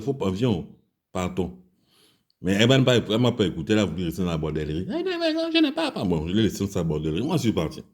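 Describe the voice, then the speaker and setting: A man's voice: low-pitched, darkish tone, breathy edge. A man from Gabon with a Gabonese French accent, telling an angry, crude personal story and speaking out against the country's leaders. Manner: heated, crude, repetitive storytelling. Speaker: commentator.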